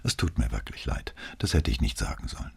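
A man's voice: low voice, very animated, moderate pace, a little mellow, husky, full character voice. A man voicing a tired, brooding middle-aged police detective who speaks tersely in an audiobook. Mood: regretful. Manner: terse, defensive, then apologetic. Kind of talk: audiobook reading.

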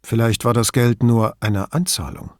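A man narrating a novel as an audiobook, in an expressive storytelling manner. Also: mid-range voice, moderate pace, dry recording, studio quality. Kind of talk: scripted narration.

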